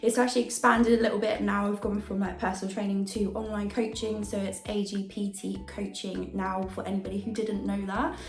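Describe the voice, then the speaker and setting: A woman's voice: medium pitch, level tone, brisk, hardly any pauses. A young woman chatting casually to camera as a vlogger, her voice affected by a sore throat from tonsillitis. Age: young adult. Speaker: YouTube vlogger and fitness coach. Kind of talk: casual talk to camera, introduction and Q&A. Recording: roomy indoor echo.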